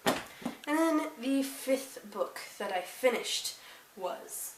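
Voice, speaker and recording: A woman's voice: on the high side, lively intonation, drawn-out words. A teenage girl chatting casually about books she read this month, rambling with self-deprecating asides. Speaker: book vlogger. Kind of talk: casual monthly reading wrap-up. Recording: roomy, slightly distant, faint hiss.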